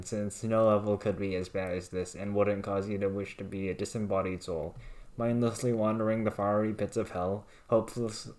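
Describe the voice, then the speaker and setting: A man reading written rants aloud in a flat, deadpan monotone. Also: on the low side.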